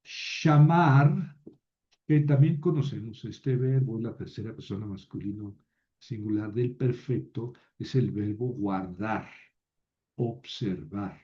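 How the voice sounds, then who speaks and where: A man teaching a grammar lecture slowly and step by step, often pausing on "eh" and checking in with "¿verdad?". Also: fairly low pitch. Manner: slow and explanatory, with frequent "eh" and "¿verdad?". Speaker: Biblical Hebrew teacher. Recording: dull lo-fi recording.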